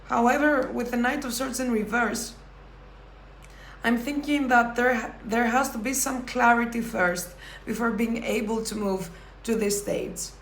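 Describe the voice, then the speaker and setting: A woman giving a pick-a-card tarot reading, talking thoughtfully with pauses and self-corrections. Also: a little high, fairly even intonation, echoey room, a little hiss or hum. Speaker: tarot reader.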